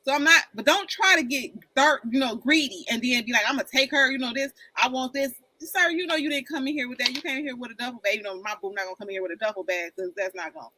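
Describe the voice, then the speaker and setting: Bright-voiced woman in her forties, candid. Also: sits high, quick pace, few pauses, slight background noise, rough recording. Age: 40s. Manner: candid, rambling, repeats "like I said". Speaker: panel guest. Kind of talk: casual chat.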